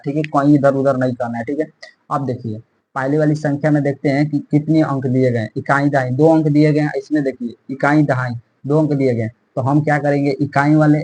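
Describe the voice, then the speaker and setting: A man's voice: mid-range voice, a little mellow, slightly rough, poor audio. A man teaching a maths lesson step by step, repeating himself and checking in often. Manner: repetitive, checks in often with "theek hai".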